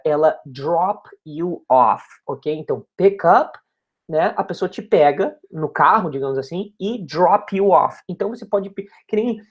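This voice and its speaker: A Brazilian man teaching a recorded lesson. He reads each phrase slowly, then explains it quickly, repeating words to drill pronunciation. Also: on the high side.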